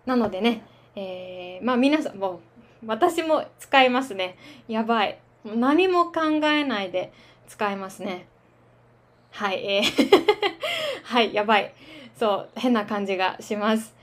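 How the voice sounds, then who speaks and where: A woman teaching Japanese filler words in a relaxed, chatty podcast lesson, laughing at her own fillers. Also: a little high, measured pace. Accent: standard Japanese. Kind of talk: slow casual language lesson.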